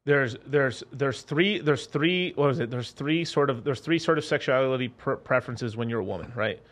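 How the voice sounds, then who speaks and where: A young man from a Mexican-American family talking casually as a podcast guest, animated, with frequent restarts and swearing. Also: mid-range voice, normal speed. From Mexican-American family, United States. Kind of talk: casual chat.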